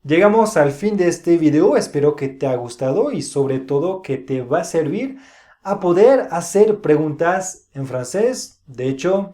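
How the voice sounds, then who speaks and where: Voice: medium pitch, mellow. A teacher giving an online language lesson, speaking carefully and modeling pronunciation for the viewer to repeat. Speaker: French teacher.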